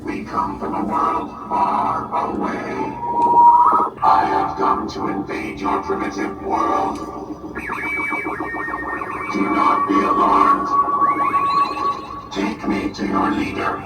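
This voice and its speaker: A man voicing a menacing alien invader through a robotic processed voice, slow and gravelly. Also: lowish voice, huge pitch swings, heavily acted, poor audio.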